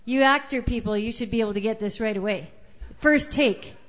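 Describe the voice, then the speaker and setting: A woman's voice: fairly high pitch, a little fast. Bubbly woman bantering on stage. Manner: bubbly, joking with the crowd. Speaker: open mic singer-songwriter. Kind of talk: chatty stage banter between songs. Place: small live music venue. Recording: muffled live venue recording with music.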